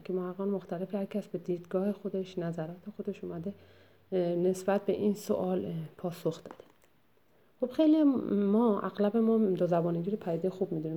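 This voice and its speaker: Working through a textbook chapter, a woman lectures in a low, mellow voice. She explains at a measured pace, often pausing on fillers and restarting as she hunts for the right phrasing.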